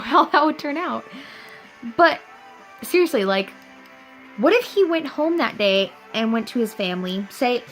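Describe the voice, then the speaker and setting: A young woman giving an earnest, animated, chatty motivational talk to camera, laughing now and then. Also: high-pitched. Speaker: vlogger.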